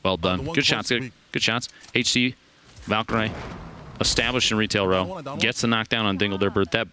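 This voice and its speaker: A man's voice: on the low side, moderate pace, background noise. A man giving live game commentary as a caster, joking and analytical. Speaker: esports caster. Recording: cheering crowd and game gunfire behind.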